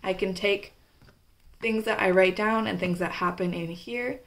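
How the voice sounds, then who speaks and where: A woman's voice: medium pitch, fairly even intonation, measured pace, vocal fry, fairly bright tone. Chatty young woman vlogger. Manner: chatty, with frequent "like" and "kinda". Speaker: stationery vlogger. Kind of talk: casual show-and-tell.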